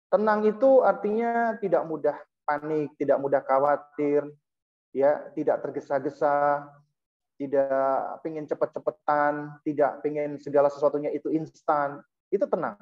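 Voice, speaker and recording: A religious lecturer giving a parenting talk to a hall and an online audience. The delivery is unhurried and steady, explaining point by point with a frequent affirming "ya". The pitch sits mid-range, and the recording sounds somewhat dull and lo-fi.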